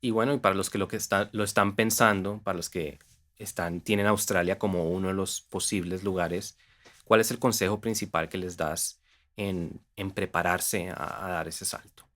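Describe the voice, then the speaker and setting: A man hosting a relaxed interview podcast in a very low voice. He asks open questions and keeps the guest going with short affirmations. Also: normal speed. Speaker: podcast host. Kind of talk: casual interview.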